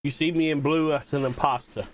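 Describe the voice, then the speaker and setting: A man's voice: on the high side, fairly even intonation, a little fast. A man streaming a game, chatting casually and teasing his friends with joking, profane banter. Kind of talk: casual gaming stream chat.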